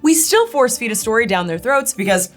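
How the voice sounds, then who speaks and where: A woman's voice: fairly high pitch, expressive, brisk, soft background music, natural voice. A woman playing a parody local news co-anchor, dry, snide and cynical. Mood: deadpan. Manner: dry, snide, foul-mouthed.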